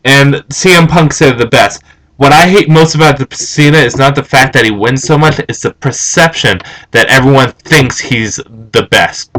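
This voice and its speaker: An animated young man in a casual vlog, ranting with strong opinions. His voice is an average male pitch, and he moves between excited storytelling and flat, low disdain. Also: moderate pace, low-quality recording. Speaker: vlogger.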